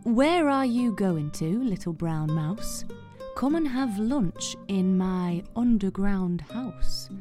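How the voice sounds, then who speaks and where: A woman voicing a sly, hungry male fox in a storybook reading, slow and coaxing. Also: mid-range voice, lively intonation, over music.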